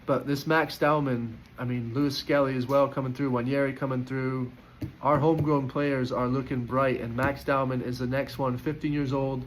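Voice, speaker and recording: A man's voice: medium pitch, level tone, normal speed, few pauses, a little hiss or hum, rough recording. A man giving casual, opinionated football player ratings in a chatty way, with frequent fillers and restarts. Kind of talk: casual post-match reaction.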